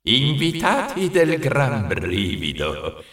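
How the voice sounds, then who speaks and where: A skeleton master of ceremonies, voiced by a man for a storybook, calling out to his guests like a showman. His voice is bright and animated, heard from a distance in a roomy, echoing space. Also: mid-range voice, slow, voice pushed down, full character voice. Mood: showy. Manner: showman announcer. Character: skeleton host announcing a spooky contest.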